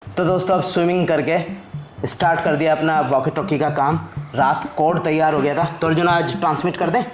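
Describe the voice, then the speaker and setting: A man with a somewhat high, steady voice talks fairly quickly as he hosts his casual vlog and tinkers on a project. He's a father explaining along the way, with clear background music and slight background noise.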